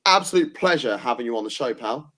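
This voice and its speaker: Male podcast host, English, opinionated and rambly, mid-pitched everyday voice. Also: animated, fast talker, pushed and bright. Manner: blunt, opinionated, rambling with fillers. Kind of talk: casual football debate chat.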